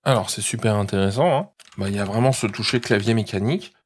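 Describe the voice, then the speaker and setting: A man's voice: on the low side, quick pace, slight background noise. A man hosting a tech channel, chatting casually through a product review and explaining each step, often checking in with his viewers.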